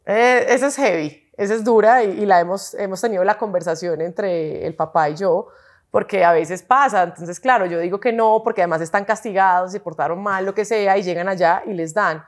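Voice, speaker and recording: A Colombian woman in her thirties speaking as an interview guest. She talks frankly and at an easy conversational clip. She often answers with quick runs of repeated agreement. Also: medium pitch. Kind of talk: casual interview chat.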